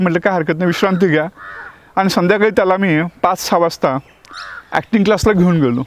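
A man who teaches acting tells a personal devotional experience as a story. He talks vividly, acts out the dialogue, and often restarts his words. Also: high voice.

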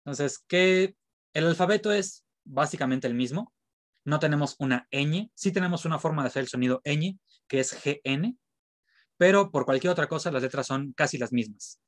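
A man's voice: on the high side, dry recording. Patient man teaching, dry sound. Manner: patient, spells out sounds slowly and repeats them. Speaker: French teacher. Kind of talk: online class lecture.

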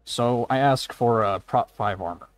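A man's voice: medium pitch, measured pace, faint music behind. A man playing a game and bargaining in casual improvised role-play, with a hesitant, understated manner.

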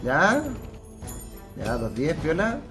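Chilean gaming streamer, high animated voice, cusses and hollers. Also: male voice, slow pace, faint music behind. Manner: swears a lot, bursts into excited yelling. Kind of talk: live gameplay streaming.

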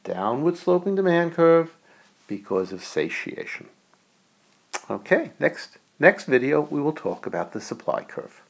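Animated gravelly-voiced male professor. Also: on the high side, a little slow. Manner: playful, animated, jokey asides. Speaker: economics professor. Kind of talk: recorded video lecture. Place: US college.

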